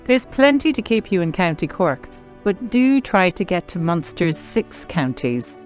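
A woman's voice: on the low side, very animated, a little slow. A woman with an Irish accent presenting a travel programme in scripted narration. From southern Ireland. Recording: light music behind the narration.

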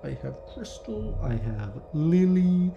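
A man playing a shifty, self-excusing criminal in a deadpan, halting, insistent monologue to camera. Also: a little high, muffled recording, heavily acted. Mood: insistent, self-justifying. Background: clear music.

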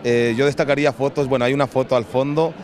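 Fast-talking bar owner. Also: male voice, mid-range voice, fairly even intonation, a little mellow. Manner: chatty, pleased. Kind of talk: casual interview answers. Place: crowded bar, indoors. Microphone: handheld mic held by interviewer.

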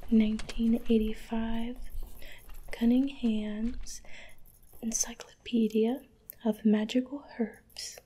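A young woman in a whispered role-play as a librarian, speaking softly and hesitantly close to the microphone. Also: a little high, little pitch movement, slight background noise. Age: young adult. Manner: soft, hesitant, unhurried. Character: polite, attentive female librarian recommending books. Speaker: ASMR performer playing a librarian.

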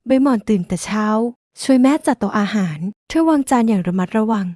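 A woman narrating a sad folk tale in a gentle, measured storytelling voice. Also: a little high, dry recording, studio quality.

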